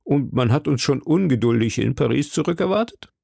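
A man's voice: mid-range voice, expressive, fairly quick, gravelly, warm tone, husky, dry recording, clean studio sound, pitched above the performer's own voice, full character voice. A man reading an audiobook who voices a timid, fretful middle-aged shopkeeper with a nervous, fawning manner. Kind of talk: audiobook character voice.

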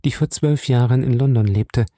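A man's voice: medium pitch, normal speed, dark tone, no room sound, clean studio sound, lightly acted. A man reading an audiobook, voicing an earnest, composed young woman.

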